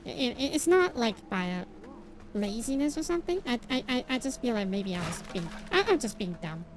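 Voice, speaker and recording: With soft music playing, a woman streamer talks briskly and very animatedly in a fairly high voice. English isn't her first language; she rambles casually with viewers while gaming, full of fillers and false starts, and pokes fun at herself with occasional laughter.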